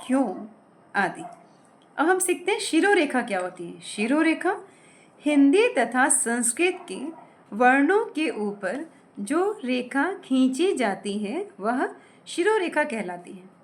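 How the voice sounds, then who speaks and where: A woman teaching a grammar lesson, spelling words out slowly and carefully, asking questions and answering them herself. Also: high voice. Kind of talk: explaining lesson with examples.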